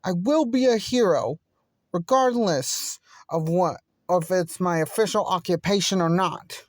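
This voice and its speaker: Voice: medium pitch, a little slow, dry recording, studio quality, natural voice. A fan voice actor voicing an earnest teenage boy who wants to be a hero and stubbornly threatens to tell on a bully. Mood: determined. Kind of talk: fan voice acting.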